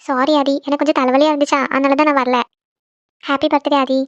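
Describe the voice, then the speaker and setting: A hurt young woman in a cartoon, voiced by a woman, talks high and fast as she brushes off worry and insists nothing is wrong. The sound is dry and a little muffled. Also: little pitch movement, no echo, lightly acted. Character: young woman, tearful and proud. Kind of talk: cartoon voice acting.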